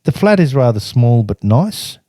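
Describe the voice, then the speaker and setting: Swinging widely in pitch, a mid-range male voice at normal speed reads entries from an old travel journal, the older speaker chatting as a podcast guest about the stories behind them and laughing a lot. The sound is dark, dry and clean, like a studio recording.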